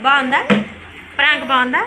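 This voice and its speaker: A young mother talks to her little daughter in a playful, coaxing sing-song. Her voice sits high. The phone recording sounds echoey, with household noise behind it. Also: flat delivery, a little fast. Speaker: vlogger mother. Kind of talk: casual home vlog, coaxing a child. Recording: echoey room with background noise.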